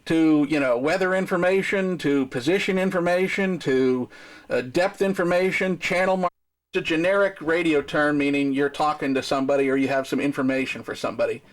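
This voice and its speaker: On a sailing boat tied up at the dock, an American man with a slightly high, brisk voice shows how to use a marine radio. He walks through the radio procedure one step at a time, explaining methodically as he goes.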